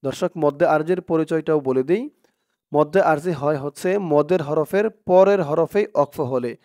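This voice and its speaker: A man teaching Quran reading, spelling out letters and vowel marks one by one, then chanting the Arabic words in a drawn-out, louder voice. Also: fairly high pitch, dry recording, studio quality. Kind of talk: slow spelling-out recitation lesson.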